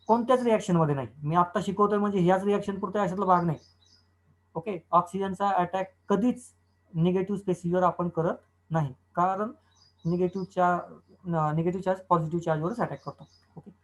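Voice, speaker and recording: A man's voice: high-pitched, low-quality recording. A man lecturing on chemistry, explaining step by step and answering his own questions. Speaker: chemistry teacher. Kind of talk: classroom lecture.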